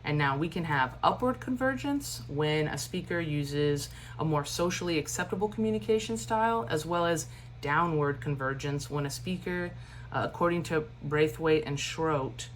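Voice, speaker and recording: A woman instructor giving a recorded class lecture in a steady cadence, with animated emphasis and informal asides. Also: sits low, normal speed, slight background noise, low-quality recording.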